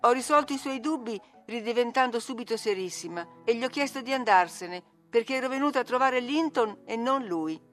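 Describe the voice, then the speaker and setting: A woman narrating a classic novel as an audiobook reader, measured and expressive. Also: on the high side, soft background music.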